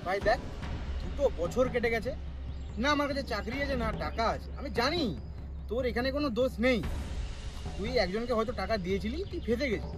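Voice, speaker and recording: A man's voice: extremely high pitch, lively intonation, quick pace, long pauses. An actor playing a young man cheated out of money he paid for a job, who speaks with a Bengali accent, urging on the phone and then confronting his friend bitterly. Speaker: actor in a short film. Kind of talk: naturalistic short film acting.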